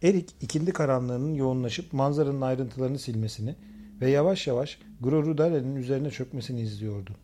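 A man reading a crime novel aloud in steady, measured scripted narration. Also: mid-range voice. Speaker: audiobook narrator.

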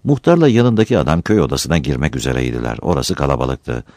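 A man's voice: extremely low pitch, fast talker, dry recording, studio quality. A man reading a story aloud, narrating expressively and voicing the characters. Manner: expressive, performs character voices.

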